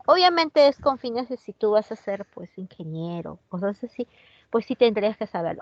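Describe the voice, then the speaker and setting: A woman's voice: fairly high pitch, dry recording, lo-fi sound. A Peruvian woman with a Peruvian Spanish accent teaching an online chemistry class, chatty, often asking her students questions and answering their comments. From Peru.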